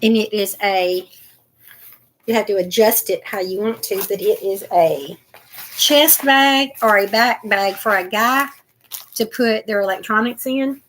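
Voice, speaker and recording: A woman's voice: medium pitch, unhurried, fairly bright tone, a little hiss or hum. An older woman chatting casually and rambling to viewers as she unboxes craft supplies. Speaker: crafting vlogger.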